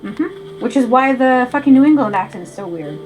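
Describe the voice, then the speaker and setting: A woman's voice: a little high, lively intonation, brisk, muffled recording, music in the background. A young woman with an Ohio accent, chatting casually on a game stream, tangent-prone and casually profane. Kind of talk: casual chat while gaming.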